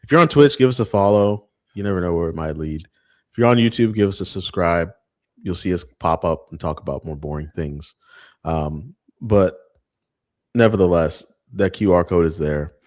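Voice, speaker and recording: Deep-voiced guy cohosting a podcast, swears a lot, super casual. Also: moderate pace. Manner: loose, swearing, jokey. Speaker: podcast co-host.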